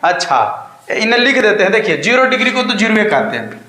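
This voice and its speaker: Emphatic Bihari male math tutor, high bright voice, coaxing questions, echoey room. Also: big pitch swings, brisk. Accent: Bihari Hindi. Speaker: math teacher. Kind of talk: online math lesson.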